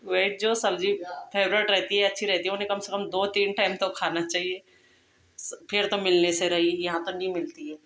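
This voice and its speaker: This chatty middle-aged family vlogger talks straight to camera from home, recorded on her phone. Her medium-pitched voice is slightly bright, moving little in pitch and flowing at a normal speed, with a homely, casual manner. Faint ambience and slight background noise come through in an echoey room.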